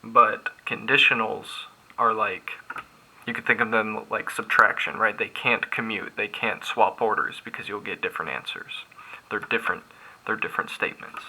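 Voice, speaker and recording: Male math instructor, lower-pitched, crisp bright voice, talks through ideas with restarts. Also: steady tone, moderate pace, poor audio. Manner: thinking aloud, restarts, filler-heavy. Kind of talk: recorded lecture at a board.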